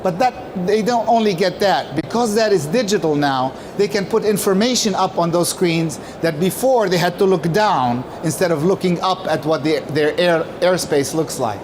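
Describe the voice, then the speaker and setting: A man presents a prepared conference talk on behalf of a company, emphatically explaining and answering questions he raises himself. His voice sits high, moving at a moderate pace with hardly any pauses. The background is noisy.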